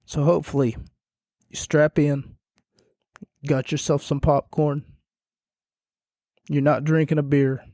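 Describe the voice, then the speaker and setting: Alone at the mic, a podcast host recaps casually in a slow, low monotone, his raspy voice trailing off. His quiet, mellow, dark delivery wanders and pokes fun at himself, captured close up with no echo.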